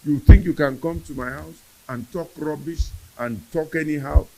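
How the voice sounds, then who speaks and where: A man voicing a furious middle-aged mother who shouts insults at a visitor. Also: fairly high pitch, fairly quick, slightly rough, pitched above the performer's own voice, poor audio.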